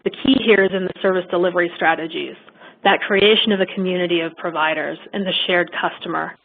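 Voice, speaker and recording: A woman's voice: lowish voice, steady tone, fast talker. Woman on a choppy, cutting-out phone line. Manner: informal asides with laughs and fillers. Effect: choppy connection with words cutting in and out. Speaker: trainer presenting a webinar. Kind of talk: reading slides in an online training. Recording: tinny phone-line audio.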